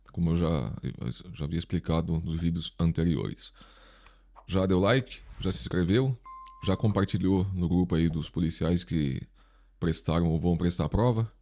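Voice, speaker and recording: A man's voice: deep voice, dark tone. A Brazilian man teaching an informal exam review lesson, his articulation slightly impeded by a dental retainer in his mouth. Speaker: instructor, online video host.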